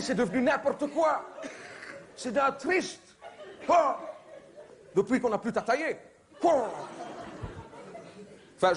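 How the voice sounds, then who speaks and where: A comedian talks to his audience in a high, mocking, chatty voice, breaking now and then into shouted put-on voices. The live show recording carries a laughing crowd and steady noise. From Belgium. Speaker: stand-up comedian. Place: theater stage before a live audience. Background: audience laughter and applause.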